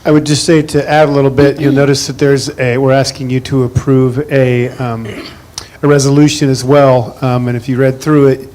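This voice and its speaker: A man's voice: medium pitch, little pitch movement, moderate pace, a little mellow. A man at a board meeting explaining a resolution, hesitant with many fillers and restarts.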